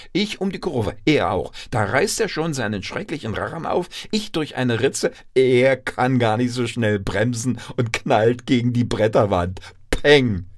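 A man's voice: sits low, no room sound, clean studio sound. A man doing a brash country mouse. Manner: loud, scolding.

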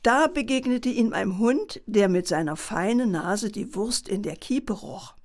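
A woman calmly reading a bedtime story aloud in a gentle, measured way. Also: medium pitch.

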